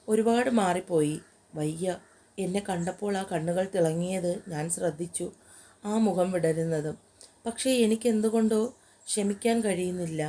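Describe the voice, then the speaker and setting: A woman's voice: lowish voice, warm tone. A woman narrator voicing a young woman who is tearful and heartbroken, pleading through her tears in an audio story.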